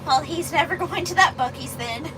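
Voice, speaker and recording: Clear vehicle noise surrounds a woman with a high voice. She chats informally as a livestream co-host, talking to viewers in a casual, chatty way. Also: normal speed.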